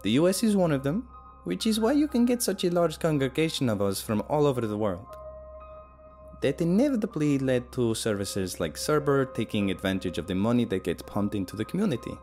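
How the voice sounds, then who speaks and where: A man voicing an anxious young woman who pleads gently and rises high in pitch. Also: sing-song, brisk, faint music behind, close to an everyday voice. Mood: explaining.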